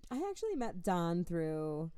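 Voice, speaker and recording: A woman's voice: lowish voice, sing-song, measured pace, mellow, smooth, dry recording, clean studio sound. A young woman co-hosting a podcast, talking candidly and swearing freely while a bit tipsy from wine. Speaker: podcast co-host. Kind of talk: casual chat.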